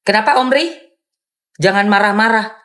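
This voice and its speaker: A woman hosting a live stream and answering viewer comments in a loud, firm, blunt way, with sharp emphatic rises on dismissive phrases. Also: medium pitch, moderate pace. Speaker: live-stream host and content creator.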